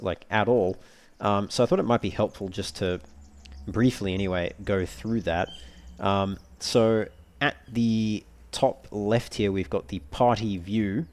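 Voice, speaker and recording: A low-voiced man gives casual let's play commentary as a walkthrough host. His explanations are measured, wordy, and slightly formal.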